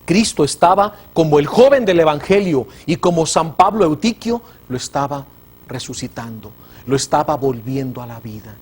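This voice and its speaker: A man with a Mexican Spanish accent, a preacher hosting a religious TV show, telling a testimony with fervor and swinging between loud and hushed. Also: a little high, normal speed, breathy edge. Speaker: preacher and TV host.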